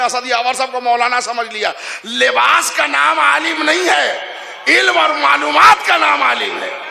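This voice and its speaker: A man from Bihar, India delivering a sermon to a gathering, teasing the audience with questions and rising to emphatic shouts. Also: extremely high pitch, gravelly. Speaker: Shia cleric delivering a majlis sermon. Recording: echoey hall.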